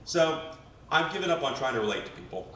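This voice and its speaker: An American man from a West Virginia family does stand-up at an open mic in a small live comedy venue, talking fast in a mid-range, sing-song voice that sounds pushed and bright. His delivery is hesitant and rambling, full of trailing asides, captured by a distant mic in an echoey room with faint noise.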